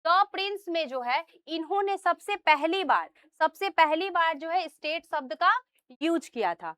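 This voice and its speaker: A woman's voice: very high-pitched, big pitch swings, measured pace, bright, forceful tone, no room sound, studio quality. A woman teacher giving a classroom lecture, explaining step by step, asking the students questions and often checking in with them. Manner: asks students questions and answers them herself.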